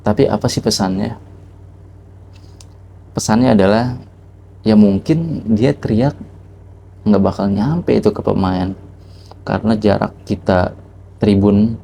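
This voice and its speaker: A man's voice: fairly low pitch, gravelly, mellow, slight background noise. A man telling a reflective motivational story to the camera, asking rhetorical questions as he goes. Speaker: vlogger.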